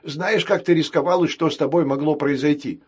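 A man voicing a gentle fretting robot nanny. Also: a little high, steady tone, fairly quick, breathy edge, voice pushed up. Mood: fretful. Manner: soft, fretful, scolding with care. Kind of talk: audiobook character reading.

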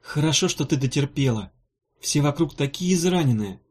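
A man reading an audiobook voices a fussy, practical female valkyrie healer with a brisk, blunt manner. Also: fairly high pitch, animated, darkish tone. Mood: matter-of-fact. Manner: brisk, blunt, a little embarrassed.

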